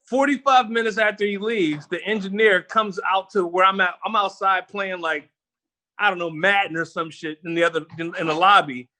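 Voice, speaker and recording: A middle-aged man from Philadelphia with a high, ringing, bright voice tells stories in a casual interview. He is animated and laughs often, swearing freely as he goes. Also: moderate pace. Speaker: guest, rapper. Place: home kitchen while cooking.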